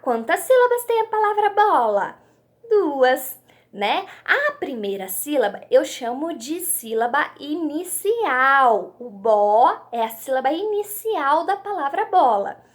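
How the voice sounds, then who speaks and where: Woman, kids' teacher; high, lively voice, unhurried, sounds out each syllable. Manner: slow, animated, sounds out syllables for young pupils. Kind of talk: children's lesson.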